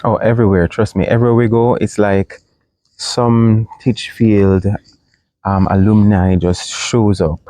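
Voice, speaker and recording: Reserved man with a very deep voice. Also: fairly even intonation, warm tone, dry recording. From Jamaica. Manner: reserved, halting with many ums. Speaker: co-host of a couple's channel. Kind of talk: casual chat.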